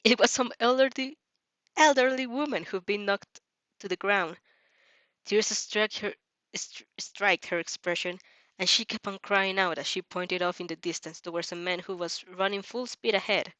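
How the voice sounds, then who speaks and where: Her medium-pitched, slightly bright voice moves at a moderate pace in a dry recording. As a host reading fan fiction aloud with reactions, she tells the story casually, occasionally stumbles, and jokes about the slips.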